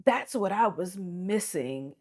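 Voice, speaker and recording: Slow, teary woman vlogging from a hotel room. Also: lowish voice, expressive, a little mellow. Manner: slow, repetitive and heartfelt, with many fillers. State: teary from crying. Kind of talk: emotional casual vlog reflection. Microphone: small mic held close.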